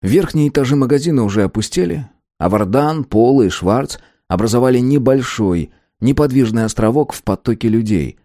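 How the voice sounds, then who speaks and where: A man narrating an audiobook in an expressive, lively reading. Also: medium pitch, brisk, few pauses, no echo, studio quality. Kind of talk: scripted narration.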